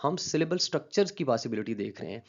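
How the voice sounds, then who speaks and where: A man teaching phonetics in a slow, repetitive lecture full of "uh" fillers and rhetorical questions. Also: mid-range voice, lively intonation, lo-fi sound. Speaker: linguistics teacher. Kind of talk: explanatory lecture.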